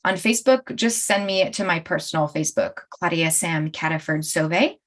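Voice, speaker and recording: A woman's voice: on the low side, a little fast. Chatty woman coach who laughs often. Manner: laughs often, chatty, talks straight to viewers. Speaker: life coach and show host. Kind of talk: live-streamed coaching talk.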